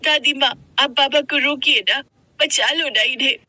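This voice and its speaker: A woman voicing a seven-year-old girl in a cartoon story, speaking in a high, pleading child voice. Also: unhurried, bright, forceful tone, dry recording, heavily acted.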